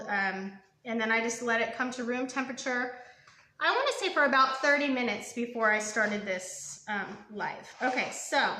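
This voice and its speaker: A woman's voice: fairly high pitch, bright, forceful tone, roomy sound, slight background noise. A young woman hosting a live home baking stream in her kitchen, rambling and chatty with lots of ums and asides to her viewers. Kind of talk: casual live cooking demo.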